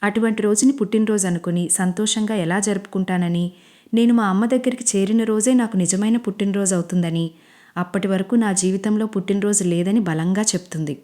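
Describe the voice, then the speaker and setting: A woman narrating a television serial recap in an even, earnest scripted read. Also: medium pitch, brisk.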